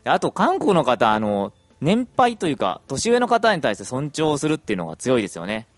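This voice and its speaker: A man's voice: medium pitch, a little fast, dry recording, soft background music. A young adult man chatting through a casual podcast monologue, with plenty of fillers. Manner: chatty, lively intonation, many fillers.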